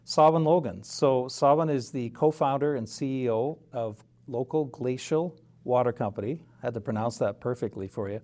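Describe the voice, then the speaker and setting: A man's voice: medium pitch, moderate pace, few pauses, mellow. A man hosting a business podcast, introducing and questioning his guest in an upbeat, conversational way. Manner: upbeat, friendly, conversational interviewer. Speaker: podcast host. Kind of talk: casual podcast interview.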